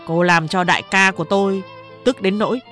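A woman's voice: mid-range voice, fairly quick, fairly bright tone, faint music behind, close to an everyday voice. A woman voicing a loyal male underling who anxiously coaxes his boss and rebukes a young woman indignantly. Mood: fretful.

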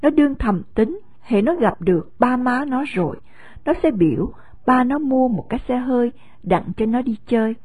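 A woman with a Southern Vietnamese accent narrating a story in an expressive storytelling way. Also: a little high, normal speed, slightly rough, no echo.

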